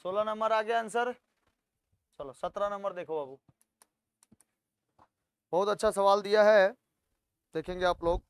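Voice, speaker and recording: Man, maths tutor, high voice, dry close sound. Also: steady tone, a little slow, pauses often, smooth, no room sound. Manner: coaxing, asks students questions, then answers them. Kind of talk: solving textbook problems aloud.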